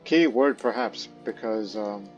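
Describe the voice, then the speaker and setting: With a lowish, unhurried voice, this man hosts a let's play, wandering through casual commentary full of fillers and false starts, now and then voicing his in-game ruler. He studied Croatian as a second language rather than growing up with it. The sound is dull, with game music faintly underneath.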